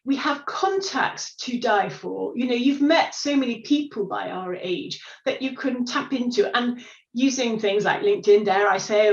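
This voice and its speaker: A woman in her sixties, a guest speaking in a chatty, encouraging way with lots of "sort of" and "you know". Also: mid-range voice. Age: 60s. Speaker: guest, unretirement expert. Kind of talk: casual interview chat. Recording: roomy, distant, dull-sounding audio.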